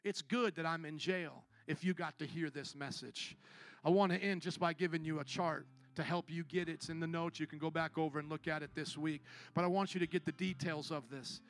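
A male pastor preaching a sermon, calling out to his congregation for responses and moving from low, quiet passages up to loud shouted peaks. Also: fairly quick, no room sound.

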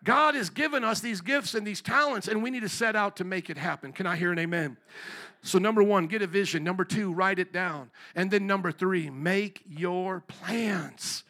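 A pastor preaching a sermon into a pulpit microphone in a church, calling out to the congregation for amens. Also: male voice, sits high, normal speed, pushed and bright. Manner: emphatic call-and-response preaching. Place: church sanctuary.

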